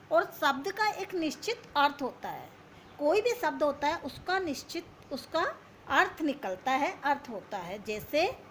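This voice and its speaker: A woman's voice: high voice, a bit bright, a little hiss or hum. A woman teacher giving a grammar lesson to young children, asking questions and answering them herself.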